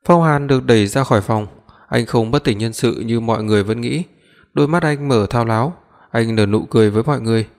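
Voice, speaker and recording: A man tells the story in a steady, even way. His voice sits at a middling pitch. A long reverb hangs behind every line. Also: fast talker. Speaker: narrator. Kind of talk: audiobook narration.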